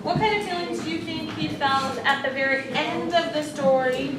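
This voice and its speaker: A woman training as a teacher leads a read-aloud discussion, asking encouraging questions in a high voice at a moderate pace. The indoor classroom is noisy, with a crowd in the background, and the distant mic gives a roomy sound.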